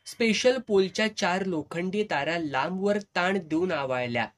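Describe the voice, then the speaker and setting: Guy reading a novel out loud in the first person, slightly high voice. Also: expressive, unhurried. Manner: first-person storytelling in rural dialect. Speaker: storyteller. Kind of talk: reading a serialized novel aloud.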